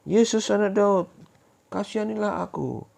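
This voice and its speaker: A man voicing a desperate blind male beggar who cries out loudly for mercy. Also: high-pitched, normal speed, vocal fry, voice pushed up. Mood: desperate pleading. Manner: loud pleading cries.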